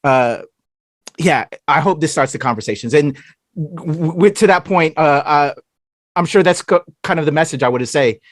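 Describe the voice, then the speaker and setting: A man hosting an interview, affirming his guest and speaking emotionally with halting fillers. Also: fairly high pitch, dry recording. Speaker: interview host. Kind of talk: casual interview.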